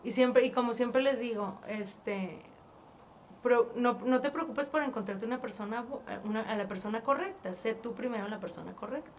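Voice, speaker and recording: A woman with a northern Mexican accent and a fairly high voice tells her story as an interview guest. She talks in an animated, chatty way, acting out past conversations and often restarting her sentences. A faint ambient hum sits behind her. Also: normal speed. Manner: animated, acts out past dialogue, frequent restarts.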